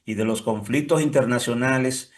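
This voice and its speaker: A man's voice: mid-range voice, moderate pace. A man with a Dominican accent hosting an interview, introducing his guest and asking questions in a formal, somewhat rhetorical manner. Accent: Dominican Spanish. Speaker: interview host.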